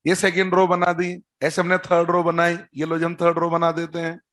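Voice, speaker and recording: A man lectures on chemistry at a board in a slightly high, fairly bright voice, completely flat in delivery and moderate in pace. Step by step he repeats key terms and quizzes students, adding teasing jokes.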